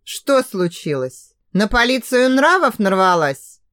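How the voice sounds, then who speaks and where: A cocky young guy who bosses people around and drawls lazy teasing lines, as a woman reader plays him in her own lively voice. he sounds dry and close up, like it's recorded in a dead studio. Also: on the high side, slow pace, dry recording, full character voice. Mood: bossy serious. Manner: lazy, commanding.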